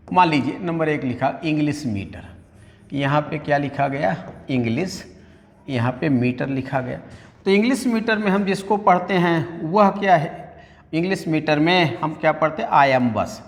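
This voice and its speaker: Man teaching, spelling words letter by letter. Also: fairly high pitch. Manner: asks and answers his own questions, spells words letter by letter; mixes Hindi with English phrases. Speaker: English teacher. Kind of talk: classroom lecture. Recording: long room reverb.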